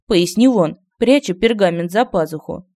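A woman narrating a humorous fairy tale as an audiobook reader, lively and expressive. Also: on the low side, normal speed. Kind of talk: scripted narration.

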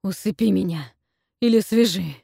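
A woman voicing a desperate young man tormented by guilt, who cries out in strained, hoarse pleas. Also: lowish voice, animated, measured pace, dark tone, no room sound, clean studio sound. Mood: frantic.

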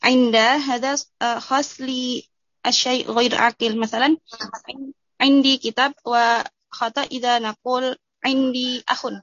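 A woman student asking her grammar teacher questions, hesitant and pausing often. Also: high-pitched, flat delivery, fairly bright tone, dry recording, lo-fi sound. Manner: hesitant, with many fillers.

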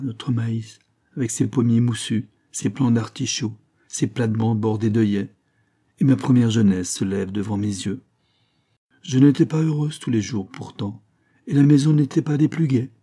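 A man reading a literary novel aloud as an audiobook narrator, in a measured, descriptive manner. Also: fairly low pitch, warm tone, slightly rough.

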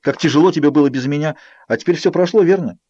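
A young werewolf man, defensive and pleading as he backs away, voiced by a male audiobook reader. His pitch sits higher than the reader's own, earnest and insistent. The recording is dry and slightly muffled. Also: quick pace, a little mellow, no echo, natural voice.

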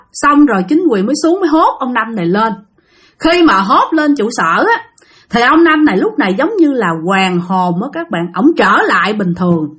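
Chatty woman telling ghost stories. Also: a bit bright. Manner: chatty, addresses listeners often, drops low for suspense. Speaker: storyteller. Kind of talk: spoken ghost story narration.

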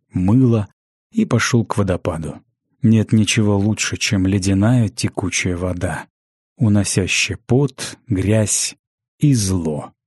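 A man reads a fantasy novel aloud in a measured, even narration. His voice is low and mellow, and the close studio mic gives a dry, intimate sound with no room around it. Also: slightly rough, no room sound. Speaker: audiobook narrator. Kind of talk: scripted audiobook narration.

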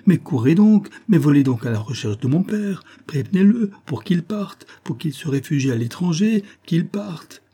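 A man's voice: medium pitch, lively intonation, normal speed, mellow, husky. A man voicing a frightened young woman in an audiobook, urgent and pleading. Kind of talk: audiobook character voice.

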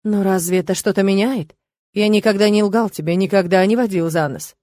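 A smug, cold male demon, as a woman reader puts him on in a fantasy audiobook. He speaks calmly and with a sneer, dry and close to the mic, in a middling voice. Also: medium pitch, fairly quick, dry recording, close to an everyday voice. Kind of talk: audiobook character reading.

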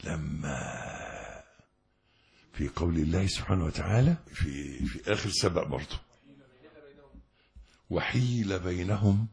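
A man with an Egyptian Arabic accent, giving a religious lesson as a preacher who talks straight to his listeners with passion, moving between quiet recitation and loud urging. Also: low voice, creaky, husky. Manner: impassioned, addresses the listener directly.

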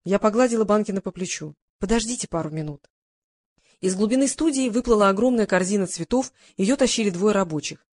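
A woman narrating a humorous novel in a brisk, lively storytelling manner. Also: mid-range voice.

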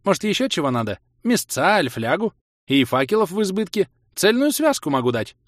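A man's voice: sits high, sing-song, brisk, no room sound, clean studio sound, pitched above the performer's own voice. A man voicing a folksy male village trader with rustic, wheedling speech. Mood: fawning.

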